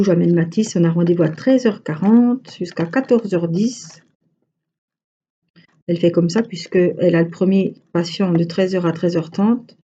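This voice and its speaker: A woman's voice: lowish voice, warm tone, highs cut off, a little hiss or hum. A woman with a Franche-Comté French accent, chatting casually and rambling to her viewers as a crochet vlogger.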